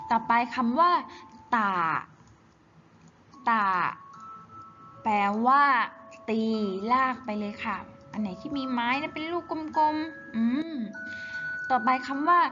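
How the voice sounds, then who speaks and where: Slow, patient woman teaching Chinese. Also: sits high. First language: Thai. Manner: repeats each syllable slowly and clearly. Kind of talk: slow, patient worksheet walkthrough. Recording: slightly dull, faint hiss.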